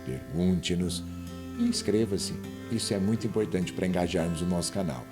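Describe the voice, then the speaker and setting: A man with a Brazilian accent teaching a Portuguese grammar lesson. He speaks straight to the viewer and drags out example words slowly so they can be clearly heard. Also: sits low, big pitch swings, over music. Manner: didactic, spells words out slowly and addresses the viewer directly.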